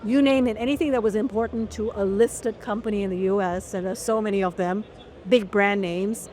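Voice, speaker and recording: A middle-aged woman from Malaysia, a journalist being interviewed, telling her story in an articulate, measured way. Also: mid-range voice, steady tone, darkish tone. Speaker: guest journalist. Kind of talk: long-form interview.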